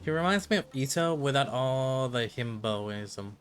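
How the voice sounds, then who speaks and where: A man's voice: medium pitch, lively intonation, a little slow, fairly bright tone, a little hiss or hum. A man chatting casually as he streams a game, reacting and asking questions. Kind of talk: casual livestream chat.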